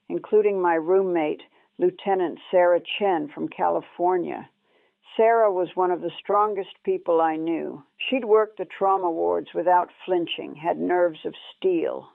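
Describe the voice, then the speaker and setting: Somber and measured, a former war nurse shares a spoken memoir in short clauses. Her fairly low voice is creaky, and the recording is dry, old, and lo-fi, tinny like something pulled from a radio archive.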